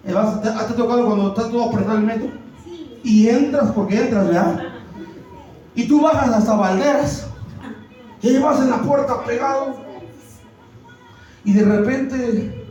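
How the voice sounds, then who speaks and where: A man preaching a sermon as pastor, asking the congregation questions and often shouting. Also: very high-pitched, distant mic. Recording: heavy echo of a church hall.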